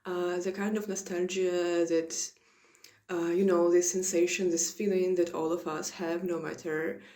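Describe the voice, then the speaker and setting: A woman's voice: lowish voice, level tone, measured pace, mellow. A woman from Ukraine, an illustrator and painter, gives a hesitant personal artist statement full of filler sounds. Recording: roomy echo.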